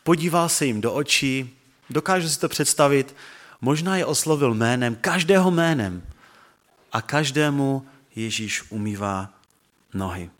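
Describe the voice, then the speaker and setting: A man preaching a sermon and reading scripture aloud, earnest and reverent, slowing and dropping low on key words. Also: expressive. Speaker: pastor.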